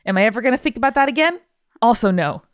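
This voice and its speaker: A podcast host reads listener mail in a casual, irreverent style, tossing in wry asides. Her voice is on the high side, her intonation lively, and she talks fast, with clean studio sound and no echo.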